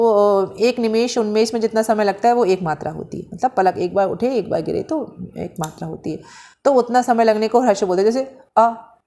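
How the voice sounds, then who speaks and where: A woman lecturing on grammar in a somewhat high voice. She talks her students through her notes step by step, posing a question and then answering it. When she demonstrates sounds, she draws out the vowels clearly. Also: warm tone. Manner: explains slowly, often asks and answers her own questions; mixes Hindi with English terms. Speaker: Sanskrit teacher. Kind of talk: lecture explaining handwritten notes.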